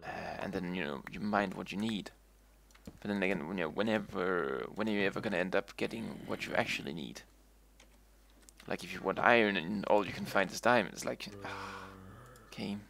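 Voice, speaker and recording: Male streamer, low gravelly voice, rambling casual game commentary. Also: moderate pace, a bit bright, a little hiss or hum. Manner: rambling, repeats and restarts himself.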